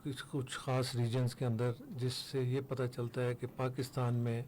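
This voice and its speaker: Measured older man, radio interview guest. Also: mid-range voice, little pitch movement, darkish tone, a little hiss or hum. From Pakistan. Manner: measured, explanatory, pauses with fillers. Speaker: interview guest, foundation head. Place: radio studio.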